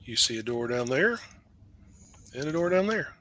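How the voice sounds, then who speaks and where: A man narrating a tabletop game as game master, relaxed and explanatory with frequent fillers. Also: medium pitch, normal speed.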